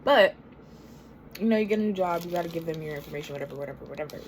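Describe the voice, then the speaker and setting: A young American woman with a low voice grumbles through a casual, rambling story, swearing freely. She talks with her mouth full as she eats. There is noticeable noise and room ambience behind her. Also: very fast, low-quality recording. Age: 20s. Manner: talking with mouth full while eating a sandwich. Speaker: vlogger. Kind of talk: casual storytelling while eating.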